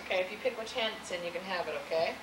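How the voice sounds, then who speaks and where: A mother filming with her children playfully questions and coaxes her toddler, her medium-pitched voice racing. The old camcorder audio of this home video is reverberant and heavy with background noise.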